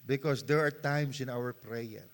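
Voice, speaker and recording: A man with a Filipino accent, preaching a sermon as pastor with passion and mixing Tagalog and English, moving from hushed passages to shouting. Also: medium pitch, a little slow. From Philippines. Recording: long reverb of a church hall.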